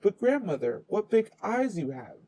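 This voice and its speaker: A man's voice: sits high, sing-song, normal speed, warm tone, voice pushed up. A man voicing an innocent, polite little girl in a storybook, with an earnest, childlike manner. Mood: curious, polite.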